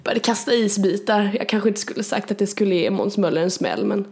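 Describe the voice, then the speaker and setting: Woman, podcast co-host, casual chat, lively storyteller, quick to laugh. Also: medium pitch. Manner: chatty, animated storytelling with frequent laughter.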